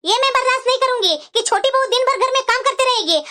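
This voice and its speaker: A woman's voice: very high-pitched, fast talker, pushed and bright. A woman voicing a stern, bossy middle-aged mother-in-law in a cartoon, lecturing and scolding her daughters-in-law. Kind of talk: cartoon voice acting.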